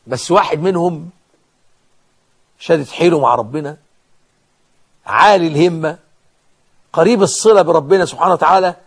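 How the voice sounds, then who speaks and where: A man with an Egyptian accent preaching a sermon, stressing words hard and then dropping to hushed, drawn-out phrases. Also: a little high, husky. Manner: emphatic, swings between loud stresses and hushed, drawn-out phrases.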